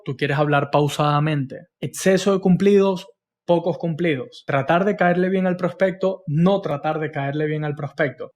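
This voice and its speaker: A man's voice: on the high side, darkish tone. A man teaching insurance sales, explaining step by step and often checking in with "¿ok?". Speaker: sales trainer. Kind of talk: instructional talk with acted call examples.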